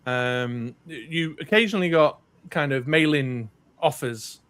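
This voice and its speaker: A man's voice: fairly high pitch, unhurried, a bit bright, dry recording. A middle-aged man from North Wales with a British accent, chatting casually on a podcast, rambling with many ums and restarts. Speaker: podcast co-host. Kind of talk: casual chat.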